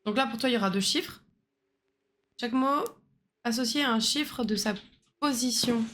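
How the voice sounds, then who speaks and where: A woman's voice: a little high, moderate pace, a bit bright. A woman streamer playing a puzzle game, thinking aloud and bickering with a co-player over the answers. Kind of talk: casual puzzle game chat.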